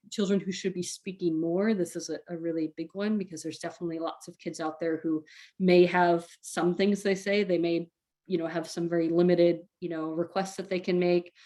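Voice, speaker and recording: A woman speech therapist presents a recorded webinar for parents. She talks in a casual, chatty way, full of fillers and quick little laughs. Her voice sits a bit low. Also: fairly even intonation, dark tone.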